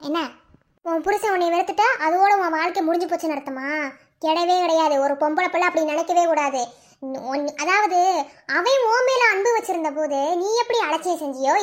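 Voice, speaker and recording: A woman voicing a fierce, outspoken married sister-in-law who scolds and lectures in a Madurai Tamil accent. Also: extremely high pitch. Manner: scolding, lecturing, sharp-tongued.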